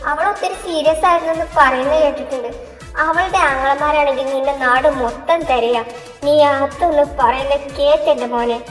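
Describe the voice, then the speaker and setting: A woman's voice: sits high, a little fast, natural voice. A woman voicing a middle-aged mother who nags and scolds her grown son. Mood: scolding. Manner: scolding, nagging. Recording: echoey room with long reverb, music behind.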